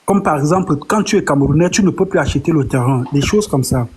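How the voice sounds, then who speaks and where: A panelist who calls the debate to order and reproaches another speaker. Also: male voice, a little high, expressive, fast, darkish tone, breathy edge. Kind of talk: heated online panel debate.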